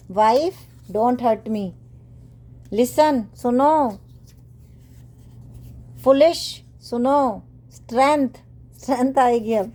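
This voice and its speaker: A woman giving a casual tarot reading for her viewers from her bedroom. She talks earnestly and preachily, repeats phrases, and mixes in English affirmations. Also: a little high. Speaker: tarot reader. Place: home bedroom, cards spread on a bed.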